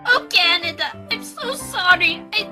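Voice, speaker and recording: Woman playing a tearful young Ukraine girl, very high and squeaky, sing-song swoops, slow, apologetic, anime fan dub, music behind. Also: lively intonation. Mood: flustered, apologetic. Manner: weepy, apologetic, flustered.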